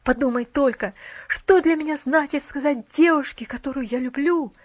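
A woman reading aloud, voicing an earnest, emotional young man on crutches who sometimes drops to a hush. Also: high voice, normal speed, no echo, highs cut off, natural voice.

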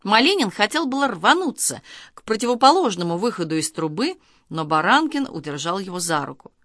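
A woman narrating a children's story aloud, reading in a lively, expressive way. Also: medium pitch, a little fast, no room sound, studio quality.

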